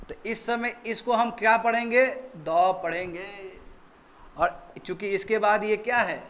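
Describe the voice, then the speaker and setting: A man's voice: high voice, a bit bright. A man with an Indian English accent teaching a grammar lesson in a classroom, quizzing students and repeating their answers.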